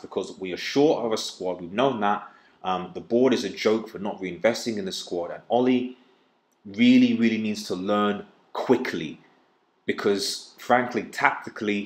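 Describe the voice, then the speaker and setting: Frustrated man ranting in an echoey room. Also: low voice. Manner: frustrated, emphatic, repeats words for stress. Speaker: football fan channel host. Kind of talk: post-match reaction rant.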